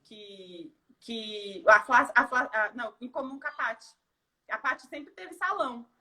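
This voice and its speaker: Woman from Brazil, high bright voice, emotional testimonial, heartfelt and halting. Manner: tearful, heartfelt storytelling with many fillers. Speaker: guest giving a testimonial.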